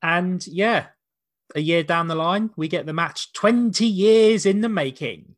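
A man with a fairly high voice hosts a casual watch-along. He talks in a loose, rambling way, circling back to rephrase his points. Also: a little slow. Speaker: podcast host.

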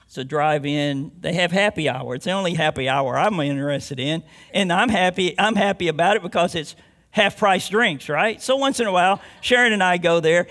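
A man's voice: sits high, moderate pace, a bit bright. A man preaching a sermon as a pastor, mixing scripture with homely stories and rising to emphatic declarations.

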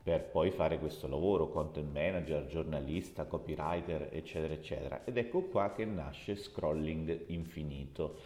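Deep-voiced man in echoey room. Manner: reflective, measured, gently humorous. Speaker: author and guest. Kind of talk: podcast interview. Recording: echoey room with long reverb.

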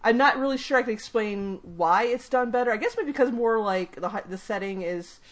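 A woman's voice: a little high, a little fast. A woman co-hosting a casual podcast chat, rambling through her points with many restarts. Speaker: podcast co-host.

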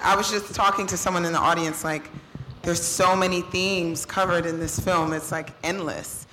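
A woman moderating a live Q&A with upbeat, quick questions. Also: lowish voice, fairly even intonation, noisy background.

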